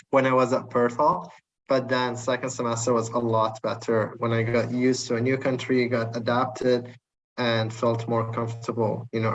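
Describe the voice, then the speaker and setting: A young man in his twenties co-hosting a podcast, speaking in a measured, reflective way. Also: mid-range voice. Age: 20s. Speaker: podcast co-host. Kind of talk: casual interview conversation. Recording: dull lo-fi mic with faint hiss.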